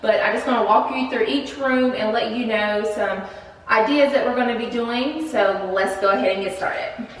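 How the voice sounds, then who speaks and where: With soft music in the background, a vlog host with a slightly high voice tours an empty apartment at a normal pace, upbeat, chatty and filler-heavy. She's recorded off-mic from a distance, and her voice echoes through the bare rooms like a large hall.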